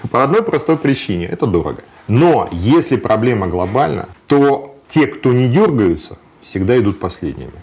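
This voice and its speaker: A man's voice: medium pitch, sing-song, moderate pace, darkish tone. A man being interviewed, explaining practical travel advice in a matter-of-fact way, with frequent hesitation sounds. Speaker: guest sharing travel experience. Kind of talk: conversational interview.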